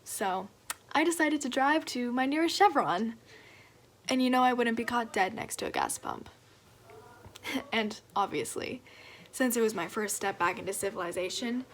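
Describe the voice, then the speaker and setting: A woman's voice: a little high, a little hiss or hum. A woman acting a dramatic, gossipy young woman telling a friend news over the phone in a stage monologue. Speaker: student actor.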